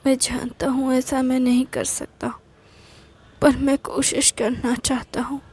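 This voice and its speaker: A woman's voice: sits high, little pitch movement, measured pace, a little mellow, slightly rough. A woman voicing a devoted young man who declares his love in a romantic audio story, earnest and hesitant, often repeating words.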